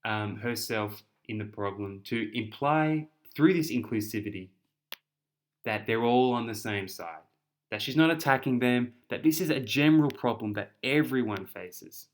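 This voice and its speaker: A young Australian man speaks at a normal pace in a mid-range voice, breaking down an essay in a laid-back, chatty tutoring manner. Repeated words and restarted phrases come up often.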